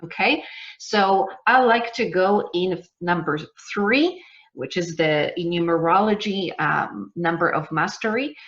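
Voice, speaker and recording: A woman's voice: fairly low pitch, slow pace, a bit bright. A middle-aged woman from Poland with a Polish accent, a business coach leading a live online masterclass, talking with many ums and uhs. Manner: hesitant, many fillers. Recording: dull lo-fi sound.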